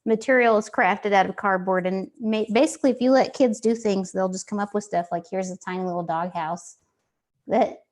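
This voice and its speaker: A woman's voice: mid-range voice, moderate pace. A woman from Texas with a Texan accent, co-hosting a casual, enthusiastic chat over a video call. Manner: chatty, enthusiastic, self-mocking. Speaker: co-host.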